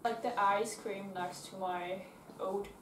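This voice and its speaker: A young woman from China giving hesitant, halting interview answers in a dorm bedroom. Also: medium pitch, steady tone. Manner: hesitant, slow, repeats words. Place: small dormitory bedroom. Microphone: far camera. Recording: roomy, distant, noisy.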